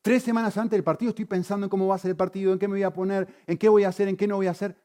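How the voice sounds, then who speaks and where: A man preaching a sermon, swinging between loud emphasis and quiet, intense asides. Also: high voice, flat delivery, racing. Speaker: pastor.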